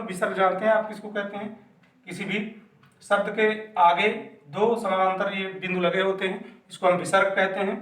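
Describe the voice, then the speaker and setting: A man's voice: sits high, fairly bright tone. A man teaching a grammar lesson patiently, asking questions and answering them himself. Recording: echoey room, mic at a distance.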